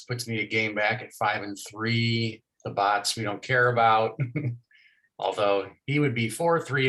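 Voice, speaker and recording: A man co-hosting a casual fantasy football podcast, rattling off division standings and records in quick bursts. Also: lowish voice, a bit bright, rough recording. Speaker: fantasy football league co-host.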